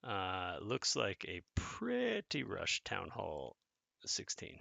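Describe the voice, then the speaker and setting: A man talks his way through a strategy game attack in loose live commentary, thinking aloud and answering his viewers as he plays. His voice is low, gravelly and forceful. The sound is close and dry, with no room echo. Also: huge pitch swings, slow pace. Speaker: gaming content creator.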